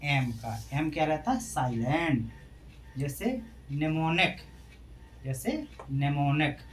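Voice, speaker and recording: Speaking slowly and expressively in a fairly high voice, this English teacher walks through a lesson in Hindi. He answers his own questions and spells words letter by letter, with slight background noise.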